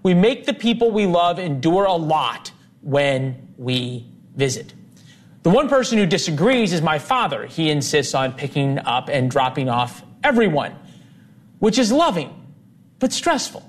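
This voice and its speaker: High-voiced, wry male TV host. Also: measured pace. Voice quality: lively and wry, playfully argumentative. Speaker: news show host. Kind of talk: TV talk show presenting.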